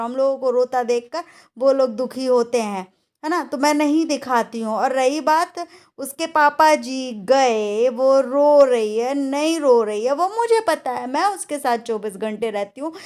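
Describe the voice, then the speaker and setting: Woman, middle-aged, high-pitched, vlogger, indignant, scolding, emotional monologue. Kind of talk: angry vlog monologue.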